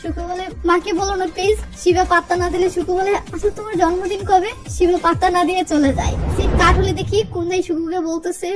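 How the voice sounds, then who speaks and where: A woman narrating a film recap, reading out every character in brisk storytelling. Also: extremely high pitch, level tone. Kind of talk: fast movie recap narration. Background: background music.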